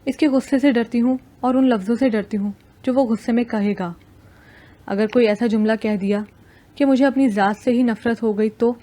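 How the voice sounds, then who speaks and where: A woman's voice: fairly high pitch, steady tone, warm tone, close to an everyday voice. A woman voicing an anxious, lovesick young female student who speaks hesitantly and fretfully.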